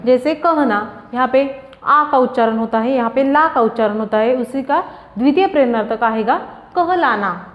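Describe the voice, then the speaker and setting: High-voiced woman teaching in an echoey room. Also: moderate pace. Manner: explains step by step, asks and answers own questions. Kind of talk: classroom grammar lesson. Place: classroom or coaching room. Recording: echoey room, dull lo-fi sound.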